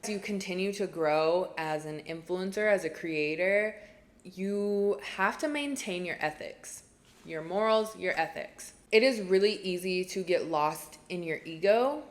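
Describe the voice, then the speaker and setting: Alone in a small room, a woman in her twenties talks to camera, offering earnest, chatty advice and repeating phrases for emphasis. She speaks in a lowish voice, animated but unhurried.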